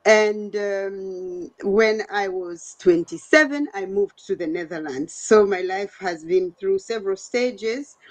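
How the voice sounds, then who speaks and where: A woman's voice: medium pitch, slow pace. A middle-aged woman from Uganda, a guest in an online interview, speaking conversationally with frequent fillers over a video call. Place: home, The Hague.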